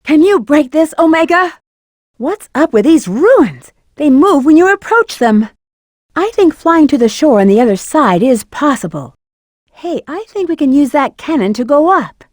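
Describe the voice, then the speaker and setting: Rouge the Bat, very high-voiced sassy game heroine. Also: female voice, sing-song, normal speed, a little mellow, no echo, studio quality. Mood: confident, sassy. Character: flirty, cool-headed female bat treasure hunter, adult. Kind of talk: video game voice acting, short in-game hints and callouts.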